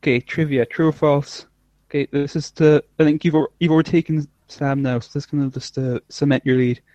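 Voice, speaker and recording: A man's voice: a little high, steady tone, brisk, dark tone, no room sound. A man hosting a casual podcast chat, rambling with stumbling restarts and frequent laughs. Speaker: podcast host. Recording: dull lo-fi dry recording.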